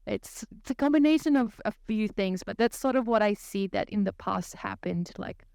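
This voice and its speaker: A woman with a Brazilian accent, explaining her ideas in a thoughtful, measured way as a podcast guest. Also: mid-range voice, animated, vocal fry, darkish tone, no room sound, studio quality. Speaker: guest consultant. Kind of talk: podcast interview.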